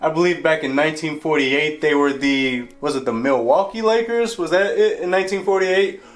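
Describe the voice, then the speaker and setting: A man's voice: fairly high pitch, normal speed. Playful man giving a joking home tour. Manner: playful, tongue-in-cheek, deadpan jokes. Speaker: vlogger showing his man cave. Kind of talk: casual home tour vlog. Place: home room indoors.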